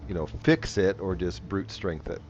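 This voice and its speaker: A man's voice: low voice, animated, normal speed, darkish tone, slight background noise. A man running a tabletop game as game master, narrating casually. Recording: muffled lo-fi audio, music behind.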